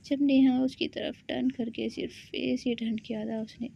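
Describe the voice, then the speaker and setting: A woman's voice: fairly high pitch, little pitch movement, normal speed, creaky, mellow, dull audio, a little hiss or hum. A woman telling a romance story in a casual, chatty way and talking directly to her viewers.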